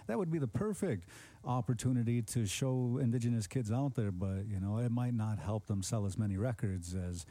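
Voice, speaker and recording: A radio show host with a very dark, mellow voice, recorded dry and close. He talks to his guest earnestly and at length, with plenty of fillers. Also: on the low side, normal speed, dry recording. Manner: earnest, rambling, many fillers. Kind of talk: casual interview hosting.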